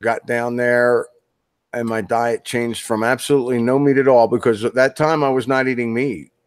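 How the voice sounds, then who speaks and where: A man's voice: mid-range voice, flat delivery, moderate pace, clear, resonant tone, dry recording, clean studio sound. A man being interviewed as a guest author, talking in a loose, rambling way with many restarts. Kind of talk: casual interview chat.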